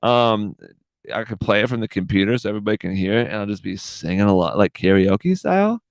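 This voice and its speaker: A man in his thirties hosts his own casual podcast, rambling from one thought to the next, swearing freely and tossing in "dude" constantly. His voice sits a little low with a gravelly fry. The recording is dry. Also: lively intonation, quick pace, no echo. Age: 30s. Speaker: podcast host.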